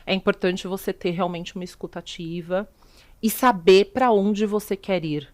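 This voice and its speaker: A woman's voice: mid-range voice, normal speed, a little mellow. A middle-aged woman with a Brazilian Portuguese accent, a sustainability executive explaining her views as a guest in a videocast interview, posing rhetorical questions as she goes.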